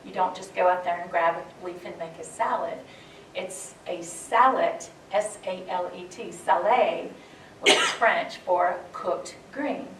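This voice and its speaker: A woman's voice: on the low side, fairly even intonation, a little slow, background noise. A woman from western North Carolina, giving a chatty, folksy talk on foraging. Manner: chatty, folksy, with restarts and laughter. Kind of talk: casual public talk. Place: event room at a library. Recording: roomy hall, distant mic, faint ambience.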